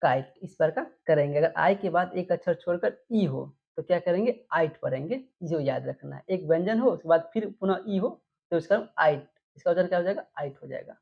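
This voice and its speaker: Woman teacher, low husky voice, explains rules slowly and drills example words, dull lo-fi recording. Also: expressive. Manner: repeats words and quizzes with questions. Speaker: English spelling teacher.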